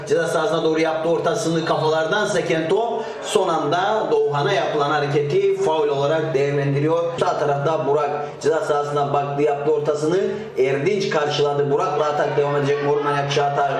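High-voiced male football commentator in heavy echo. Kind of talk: live match play-by-play. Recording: very echoey, noisy match recording.

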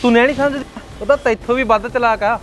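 With an extremely high, steady and slightly bright voice, a man acts as an angry young husband in a web series drama, hotly arguing with his mother. He speaks fast, heated and indignant, and there's a little background noise.

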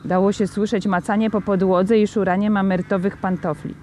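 A woman's voice: mid-range voice, fairly quick, slight background noise. Woman reading a novel aloud. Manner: lively expressive storytelling. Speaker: reader.

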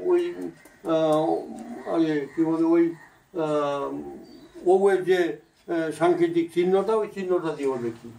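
High-voiced male teacher in an echoey classroom. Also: mellow. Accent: Bangladeshi Bengali. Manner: explains slowly and repeats sounds to demonstrate them. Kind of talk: classroom lecture. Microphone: phone camera from across the room. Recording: echoey room, voice from far off.

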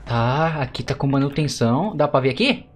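A man from Brazil giving excitable, chatty let's play commentary to his viewers. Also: mid-range voice, normal speed, soft background music. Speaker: gaming YouTuber.

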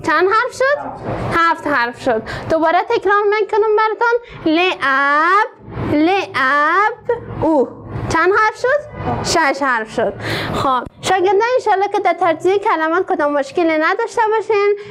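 A woman teacher with an Afghan Dari accent, slowly sounding out words for her pupils and then quickly asking them questions. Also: extremely high pitch, animated, a bit bright. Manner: slow syllable-by-syllable drilling, quick questions to pupils. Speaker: literacy teacher. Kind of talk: classroom lesson.

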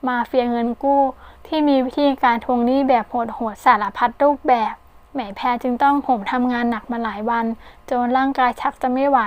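A woman with a high voice reads a novel aloud. Her narration is expressive and keeps the story moving. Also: clear, resonant tone. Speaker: audiobook narrator.

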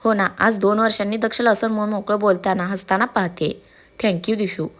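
A woman voicing a gentle, emotional middle-aged mother. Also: mid-range voice, level tone, normal speed, close to an everyday voice.

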